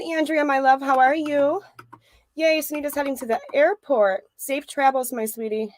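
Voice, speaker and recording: A woman in her thirties or forties hosting a casual crochet livestream from her craft room, warmly greeting viewers by name. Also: high voice, dry recording. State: out of breath.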